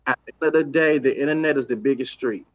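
A man's voice: medium pitch, fast talker. Man, record exec, from los angeles, emphatic, streetwise, slightly dull recording. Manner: emphatic, streetwise, repeats points. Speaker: record executive, guest. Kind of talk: casual podcast chat.

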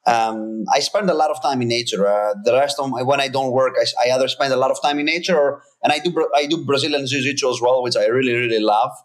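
With hardly any pauses, a man talks at a quick pace in a medium-pitched voice. He's in his thirties, originally from Greece, and a company founder appearing as an interview guest in casual talk, earnest and emphatic, often restarting his sentences.

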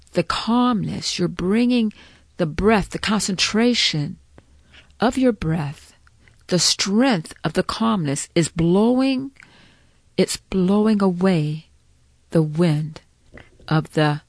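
A woman leading a guided breathing meditation in a soothing, encouraging manner, with halting phrases and repetition. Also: mid-range voice, darkish tone, no room sound.

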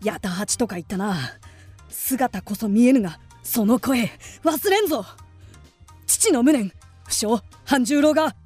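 A woman's voice: on the high side, lively intonation, measured pace, darkish tone, breathy edge, no echo, soft background music. A woman voicing an earnest young male samurai in a period audio drama, bold and declamatory. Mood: vengeful. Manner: bold, declamatory, turning polite to superiors.

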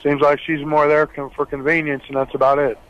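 A middle-aged man calling in to an advice show over the phone, talking in a plain, halting, matter-of-fact way. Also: fairly high pitch, flat delivery. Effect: heard over the phone. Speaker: caller. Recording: dull dry phone line.

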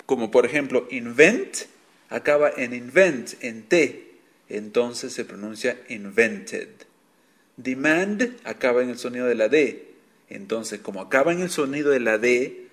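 A male teacher giving an online language class, talking at an unhurried, deliberate pace. He explains each rule patiently and repeats his examples, with a voice of ordinary pitch for a man. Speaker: English teacher.

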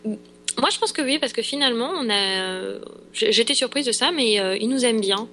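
A woman's voice: fairly high pitch, normal speed, fairly bright tone, slight background noise. A young French woman, an actress, chatting in an interview, hesitant with many fillers and restarts. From France. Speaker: actress in Los Angeles. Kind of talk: casual interview chat.

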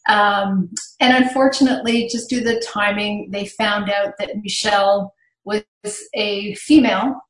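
A Canadian-raised woman, bilingual in French and English since childhood, explains things conversationally as a podcast guest answering interview questions. She's a tech marketing executive. Her mid-range voice has fairly even intonation and a measured pace, and the room sounds echoey.

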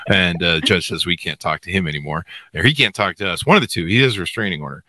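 A man's voice: low-pitched, fast, pushed and bright, dry recording. A man hosting a podcast with a voice that is giving out and cracking, rambling through an off-the-cuff, joking intro. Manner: joking, rambling, theatrical exaggeration. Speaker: podcast host.

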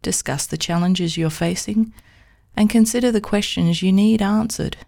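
Calm woman narrating a podcast. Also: mid-range voice, normal speed, vocal fry. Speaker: psychotherapist and podcast host.

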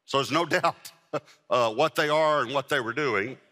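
A man's voice: mid-range voice, a little slow, pushed and bright. A man preaching a sermon to a live congregation as pastor, pressing on key words and repeating them for emphasis. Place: church with a congregation. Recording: long hall reverb.

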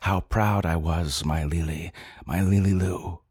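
A man's voice: deep voice, fairly even intonation, measured pace, a little mellow, breathy edge, no room sound, studio quality. A man narrating a story in an intense, tender and brooding manner. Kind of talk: dramatic story reading.

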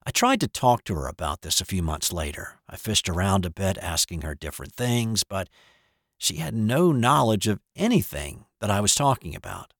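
An older man telling his own eerie childhood story in the first person, hesitant and hushed, with small restarts. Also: sits low, expressive, moderate pace, dry recording, clean studio sound. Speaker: narrator of a true eerie story.

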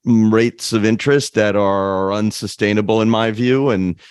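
A man with a low voice hosts a podcast interview, recorded dry and close. He talks in a halting way, restarting phrases and filling pauses as he builds his questions. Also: darkish tone, clear, resonant tone, dry recording. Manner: halting, many restarts and fillers. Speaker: podcast host.

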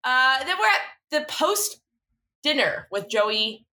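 A woman co-hosting a podcast in casual conversation, chatty, self-deprecating and quick to swear. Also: sits high, sing-song, bright, forceful tone. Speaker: podcast co-host. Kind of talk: casual chat recapping a TV drama.

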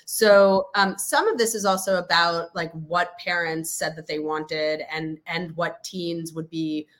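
A woman in her fifties, appearing as a company spokesperson, talks casually as a guest on a podcast interview. Her voice is on the low side, steady and fairly bright, and she moves at a measured pace while explaining at length with many fillers and restarts.

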